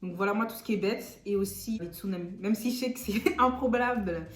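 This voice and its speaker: A woman's voice: mid-range voice, a little fast, slight background noise. Laid-back young woman in an echoey room. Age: 20s. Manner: laid-back, laughing, slangy. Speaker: co-host. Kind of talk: casual chat. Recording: echoey room with faint music.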